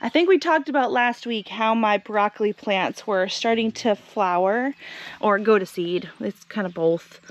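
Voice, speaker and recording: A woman vlogger chatting her way through a garden and greenhouse tour, upbeat and explaining as she walks, recorded outdoors on a handheld camera. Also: mid-range voice. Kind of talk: casual walking tour narration.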